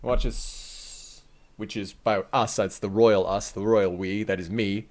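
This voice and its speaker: A man hosting a live stream, chatting in a rambling, self-mocking way and thinking out loud while he works on his computer. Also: fairly low pitch, fairly even intonation, slow.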